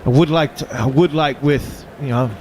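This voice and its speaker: A man giving halting cricket analysis with many restarts. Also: a little high, steady tone, a little mellow, slight background noise. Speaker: cricket pundit. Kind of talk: casual analysis.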